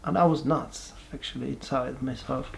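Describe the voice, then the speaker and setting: A man, giving a halting, reflective personal testimony with many pauses and restarts. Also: mid-range voice, fairly even intonation, creaky, a little hiss or hum. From Bulgaria. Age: 40s. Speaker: person sharing his life story.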